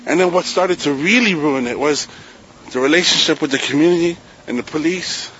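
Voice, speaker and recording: A man from Canada giving casual, reflective walking commentary outdoors as host, with relaxed, slangy talk. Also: fairly high pitch, brisk, slight background noise. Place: outdoors on city streets at night. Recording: dull, muffled street recording.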